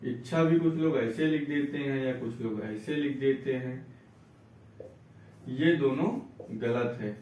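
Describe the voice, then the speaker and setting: A man teaching Hindi spelling, explaining patiently and repeating each word slowly, asking and answering his own questions. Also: mid-range voice, darkish tone, recorded from a distance. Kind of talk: spelling and reading lesson. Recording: echoey room, voice away from mic.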